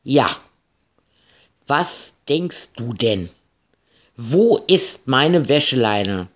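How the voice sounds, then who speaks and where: A man's voice: mid-range voice, very animated, drawn-out words, fairly bright tone, heavily acted. A man voicing a stern, impatient farm woman who scolds in a grumpy tone. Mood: annoyed.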